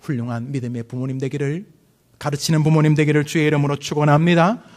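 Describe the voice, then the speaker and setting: High-voiced fervent male preacher. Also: fairly even intonation, quick pace, darkish tone. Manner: preaching with rising fervor, rhetorical questions, calls to repeat. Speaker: pastor. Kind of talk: sermon.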